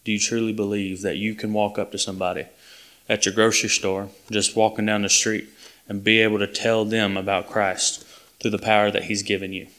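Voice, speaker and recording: The preacher's sermon is brisk and flatly delivered, his slightly low voice carrying a bit of brightness. Earnest and plain-spoken, he keeps stopping mid-sentence and starting over.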